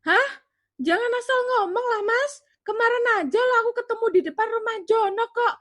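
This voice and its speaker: A woman voicing a curious, soft-hearted housewife who presses her husband for gossip. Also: very high-pitched, moderate pace. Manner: curious, pleading.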